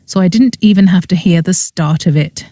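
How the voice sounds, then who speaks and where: A woman's voice: on the low side, normal speed, mellow, no room sound, studio quality, natural voice. A woman voicing a grumpy, reluctant young witch in a cozy mystery audiobook, wry and grudging.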